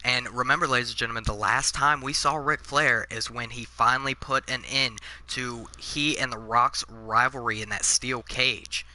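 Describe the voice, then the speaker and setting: Bright-voiced young gaming commentator. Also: male voice, medium pitch, steady tone, moderate pace, hardly any pauses. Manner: joking, rambling, restarts mid-sentence. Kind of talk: casual chat over gameplay.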